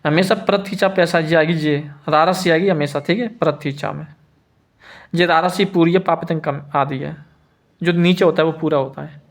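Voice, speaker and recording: Male teacher, a little high-pitched, patient and repetitive, drilling spelling rules. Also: steady tone. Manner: repeats each word slowly, asks students if they follow. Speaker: Hindi teacher. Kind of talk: spelling lesson.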